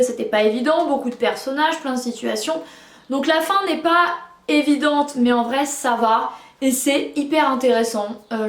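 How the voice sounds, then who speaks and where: A French-speaking woman reviews books in a casual chat, her talk full of fillers and restarts. Her voice is fairly high-pitched and the sound is roomy.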